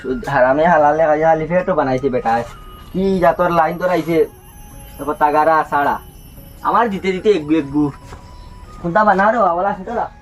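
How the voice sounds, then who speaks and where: A man's voice: on the high side, normal speed, faint music behind, natural voice. A man playing a whiny greedy son-in-law with a Sylheti accent. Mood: complaining. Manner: whining, pleading, repeating himself. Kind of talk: regional comedy drama acting.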